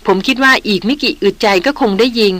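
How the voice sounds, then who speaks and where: A woman voicing a calm, loyal young male jungle tracker, speaking politely in a Thai audiobook novel. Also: on the high side, fast, no echo, natural voice. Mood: earnest.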